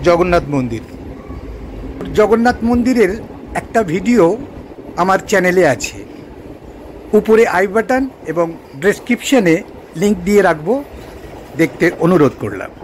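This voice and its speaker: Travel vlogger, male, higher voice, calm informative narration. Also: moderate pace, pauses often, a little hiss or hum. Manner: informative, pointing out sights. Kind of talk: calm guided narration over train footage.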